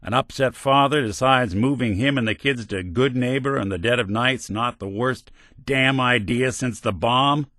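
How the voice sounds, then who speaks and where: A man's voice: mid-range voice, normal speed, sharp tone, no echo, natural voice. Nick Valentine, a man voicing a wry synth detective. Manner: dry, world-weary noir drawl, gruff when angry. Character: weary male synth detective, wry and loyal. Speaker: companion character. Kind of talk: game voice lines. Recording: dry studio recording.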